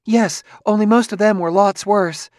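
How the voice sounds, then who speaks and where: A man's voice: high-pitched, steady tone, normal speed, a little mellow, no room sound, clean studio sound, pitched above the performer's own voice, lightly acted. A man voicing a rambling anxious wife. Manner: rambling, circuitous, raised voice. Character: anxious chatty middle-aged wife. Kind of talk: audiobook reading.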